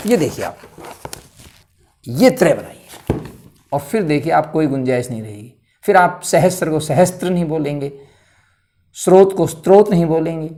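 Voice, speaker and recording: A man teaching a lesson, putting questions to the class and answering them himself, slowing down to spell out each letter. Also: high-pitched, a little mellow. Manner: emphatic, asks and answers his own questions, slows to spell out letters. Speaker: Hindi teacher. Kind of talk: explanatory lecture.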